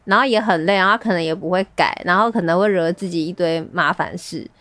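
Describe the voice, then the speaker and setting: A woman's voice: lowish voice, quick pace, a bit bright, no echo. A woman with a Taiwanese Mandarin accent chatting casually as a co-host of a book show. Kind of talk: casual chat about books.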